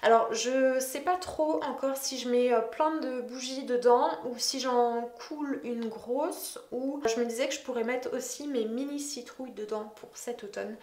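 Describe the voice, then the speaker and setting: A woman's voice: on the high side, steady tone, normal speed, hardly any pauses, a little mellow. A woman chatting casually in a home decor haul vlog, enthusiastic, with frequent hesitations. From France. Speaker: decor vlogger. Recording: echoey room.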